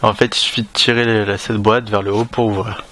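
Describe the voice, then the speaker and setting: Unboxing a product casually, a French-accented tech reviewer speaks in a relaxed but halting way, restarting often and using plenty of fillers. He talks briskly in a lowish voice, with slight background noise.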